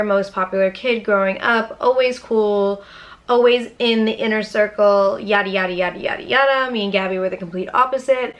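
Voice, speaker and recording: A woman's voice: medium pitch, fairly bright tone. A young woman telling a storytime vlog to her camera, casual and chatty, swearing freely and filling with "um" and "anyways". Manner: casual, profane and chatty, with frequent fillers. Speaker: YouTuber. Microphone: camera mic, talking to camera.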